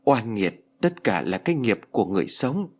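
A man's voice: fairly low pitch, sing-song, moderate pace. A man voicing a grieving, stern old mother-in-law in an audiobook ghost story. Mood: lamenting. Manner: heavy, lamenting storybook dialogue.

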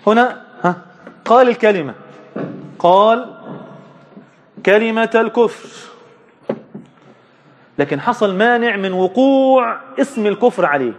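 A man with an Egyptian Arabic accent teaching a religious lesson, asking his listeners questions and answering them himself, stretching key words slowly for emphasis. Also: high voice, animated.

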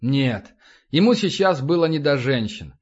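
A man's voice: medium pitch, lively intonation, measured pace, slightly rough. Man narrating an audiobook, lo-fi. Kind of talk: audiobook narration of an action novel. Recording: dull lo-fi audiobook recording.

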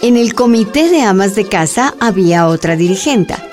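A woman narrator tells a miner woman's history in a scripted radio drama, measured in mood, with music behind her. Her voice is mid-range, animated, natural, and at a moderate pace.

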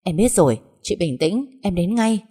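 Woman voicing a calm, soothing younger sister. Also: on the low side, normal speed, husky. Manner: soothing, gentle.

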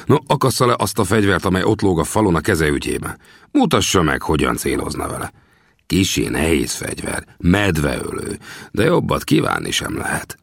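A man voicing a gruff, lecturing older gunsmith in an audiobook, with brusque, scolding questions. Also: low-pitched, sing-song, no room sound, clean studio sound, exaggerated voice. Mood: testing. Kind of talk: audiobook character voice.

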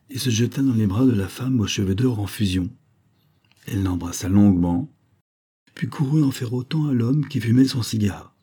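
A man reading an audiobook as narrator in a measured, softly expressive way. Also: on the low side, breathy edge.

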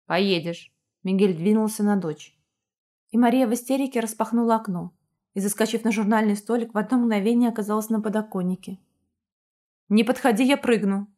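A woman narrating an audiobook at a mid pitch for her sex, steady and even. Her reading is plain and unhurried. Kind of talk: reading a romance novel aloud.

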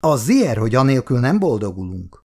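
A man's voice: medium pitch, big pitch swings, darkish tone. A man voicing a domineering teenage boy who leads a runaway gang, giving commands. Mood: commanding.

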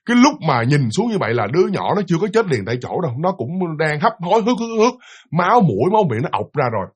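A young man telling a ghost story in a casual, lively way, often repeating words and talking straight to his listeners. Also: a little high, fast, slightly rough. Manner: lively, repetitive, addresses listeners directly.

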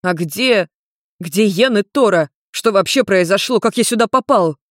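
A woman's voice: mid-range voice, expressive, moderate pace, no echo, studio quality, natural voice. A woman voicing a hot-tempered young red-haired man in a storybook reading, blunt and demanding. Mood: confused.

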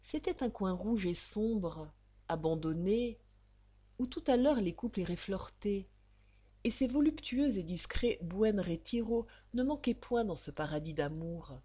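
A woman narrates a serial novel in audiobook style, measured and dramatic. Her voice is dark and a little breathy. She takes her time with each phrase. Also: mid-range voice, lively intonation.

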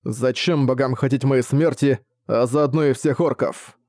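A man's voice: mid-range voice, steady tone, a little slow, a little mellow, no room sound, natural voice. A man voicing a male orc warrior who speaks in short, blunt questions, recorded dry. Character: brutal orc warrior, male, gruff and weary.

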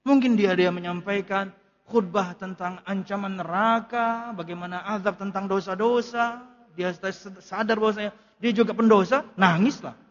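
A man's voice: high-pitched, fairly even intonation, moderate pace, long reverb tail, muffled recording. A man teaching a religious study lecture, reading Arabic lines and explaining them in casual, conversational speech. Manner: explains Arabic text line by line in casual Indonesian. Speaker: ustadz teaching a kitab study.

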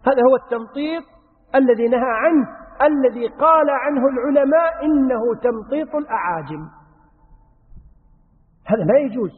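A man's voice: extremely high pitch, lively intonation, big-room sound, narrow, tinny audio. A man teaching Islamic jurisprudence, answering questions one by one and chanting examples from the call to prayer. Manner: reads questions aloud then answers, demonstrates the call to prayer in a drawn-out chant. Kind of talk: religious Q&A lesson.

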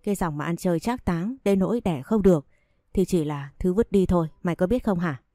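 A woman reading aloud as a spiteful mother-in-law in a storybook reading, tearing into her son's wife with insult after insult, her voice low and mellow with no room sound around it. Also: brisk, dry recording, studio quality, close to an everyday voice. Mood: scornful, scolding. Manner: shrill insulting scolding. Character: harsh scornful older mother-in-law, domineering woman.

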